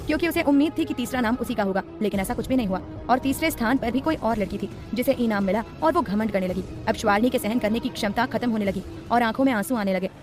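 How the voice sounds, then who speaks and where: Fast-reading woman audiobook narrator. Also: fairly high pitch. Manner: brisk, even storytelling. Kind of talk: scripted narration.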